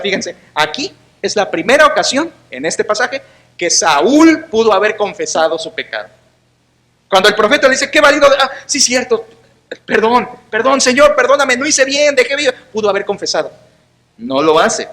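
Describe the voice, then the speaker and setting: A pastor delivering a sermon in a church, a man whose voice sits notably high and sounds bright and sharp. He preaches with emphatic, sarcastic force and acts out the quoted lines, with a Mexican Spanish accent.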